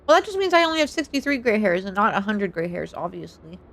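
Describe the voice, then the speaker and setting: A woman's voice: fast talker, creaky. Nasal, giggly woman streamer. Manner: bubbly, giggly, swings up high when excited. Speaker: streamer playing a game. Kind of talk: casual live-stream chat.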